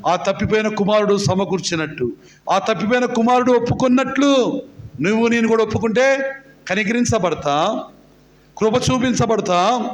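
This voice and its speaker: Preacher guy, high voice, keeps asking the crowd to shout back, big echoey hall. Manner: questions the congregation and urges loud replies. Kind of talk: call-and-response sermon. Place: church meeting hall.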